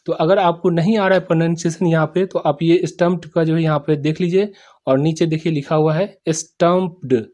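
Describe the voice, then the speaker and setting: A man teaching English sentences in Hindi, repeating each phrase slowly, spelling out words and often asking if students understood. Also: a little high, fairly even intonation, darkish tone. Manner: repeats each sentence slowly, checks "samajh mein aa gaya?"; spells and sounds out words letter by letter. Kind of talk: spoken English lesson explained in Hindi.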